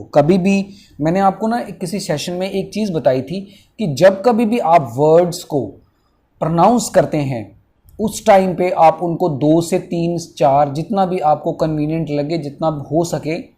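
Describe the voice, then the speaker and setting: A young man with an Indian accent teaching English vocabulary in an online lesson, slowly splitting long words into syllables with many fillers. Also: fairly high pitch, lively intonation, mellow, husky. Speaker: English teacher for exam prep.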